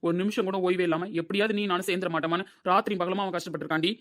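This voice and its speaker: A man playing an angry, hurt young man who shouts and scolds his lover in a Tamil audio drama. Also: high voice, steady tone, racing. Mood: bitter anger.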